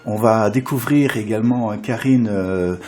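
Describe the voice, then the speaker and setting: Hosting a conversational radio interview, a man asks drawn-out, hesitant questions and echoes back what he hears. His voice is lowish and mellow.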